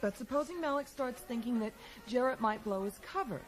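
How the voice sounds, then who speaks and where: An actress in a 1980s radio drama plays a witty, teasing American woman who speculates about a mystery in a wry, playful way. Her natural voice sits on the high side and moves fairly quickly.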